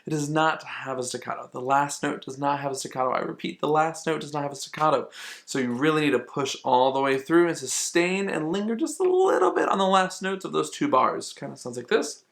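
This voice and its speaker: A man's voice: on the high side, expressive, fairly quick, vocal fry, a bit bright. A man teaching flute, explaining musical phrasing patiently and repeating key points for emphasis. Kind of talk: instructional explanation.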